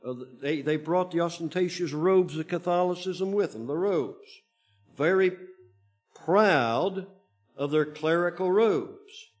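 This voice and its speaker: A man preaching a Bible teaching to his congregation, speaking in halting phrases with frequent restarts and pauses. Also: on the high side. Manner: slow, halting delivery with many restarts. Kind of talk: sermon-style Bible teaching.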